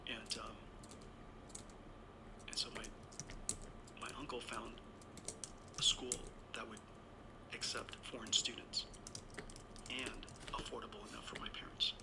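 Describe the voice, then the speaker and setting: A man's voice: medium pitch, level tone, unhurried, long pauses, very noisy. A Taiwan-born man in his sixties, an interview guest telling a long personal story in a rambling way, often correcting himself. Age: 60s. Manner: rambling, anecdotal, with self-corrections. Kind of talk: conversational storytelling.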